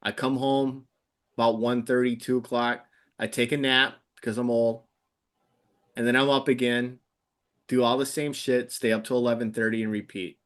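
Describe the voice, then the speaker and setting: A man's voice: medium pitch, level tone, normal speed, fairly bright tone. A fifty-year-old man, a podcast guest, talking in an easygoing, blunt way in casual chat. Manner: easygoing, plain-spoken, gives blunt advice.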